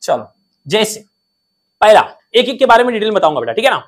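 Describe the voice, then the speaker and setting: A man teaching a lesson in a playful, energetic way, quizzing students with call-and-response questions and cracking jokes. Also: high voice, fairly quick. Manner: jokey, drops rhymes and mnemonics.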